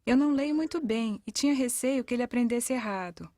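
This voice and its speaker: Reading testimonials aloud in a scripted voice-over for an educational parenting video, this Brazilian-accented woman speaks a little fast. Her pitch is fairly high and her tone a little mellow.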